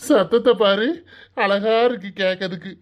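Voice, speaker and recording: A voice actor plays a fond young village father in a comic cartoon, soothing a baby in a gentle, coaxing mid-pitched voice with a Kanyakumari accent. He fumbles along, cheerful and a little clueless. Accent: Kanyakumari Tamil.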